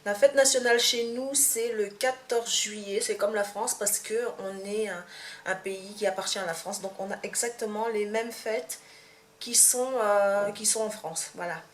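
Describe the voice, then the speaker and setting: A young woman with a Martinican accent talks casually to her camera, often pausing and restarting her sentences. Her voice rings in a bare, echoey room, with a faint hum underneath. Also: mid-range voice, steady tone. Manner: hesitant, many fillers and restarts. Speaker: vlogger. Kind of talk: casual tag video to camera.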